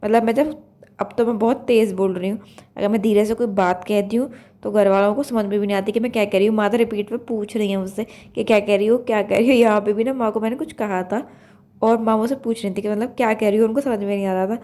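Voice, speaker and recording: A young woman with a Uttar Pradesh Hindi accent, hoarse with a blocked nose from a cold, chatting in a rambling way as she narrates her home cooking vlog. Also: medium pitch, fairly even intonation, fast, warm tone. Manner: chatty, rambling, full of fillers. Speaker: vlog host. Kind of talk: casual cooking vlog voice-over.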